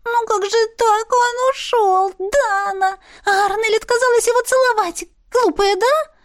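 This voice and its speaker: Shrill teasing little pet creature. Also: female voice. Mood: mocking. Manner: squealing, teasing, drawn-out.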